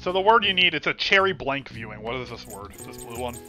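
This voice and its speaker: A man's voice: medium pitch, big pitch swings, a little fast, bright, forceful tone, soft background music. A young man with a lisp, co-hosting a let's play in crude, sarcastic casual gaming chat. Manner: crude, sarcastic banter with frequent swearing.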